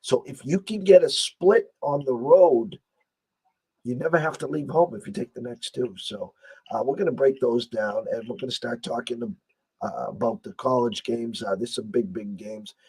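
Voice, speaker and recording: An American man with a hoarse, strained voice that is nearly gone, hosting a casual sports betting talk show. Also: medium pitch, normal speed, a little mellow, poor audio. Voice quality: husky, strained voice. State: hoarse, losing his voice.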